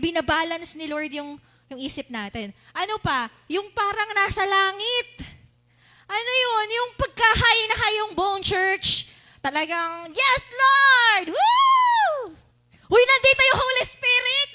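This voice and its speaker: A woman with a Filipino accent delivers a sermon in a very high, bright voice. She keeps asking the congregation questions and acts out shouting worshippers with animated energy. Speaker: preacher.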